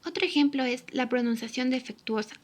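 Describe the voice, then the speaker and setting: High-voiced young woman reading a lesson. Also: steady tone, a little fast. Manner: reads steadily from a script, spelling out examples. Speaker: student presenter. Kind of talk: read-aloud tutorial narration.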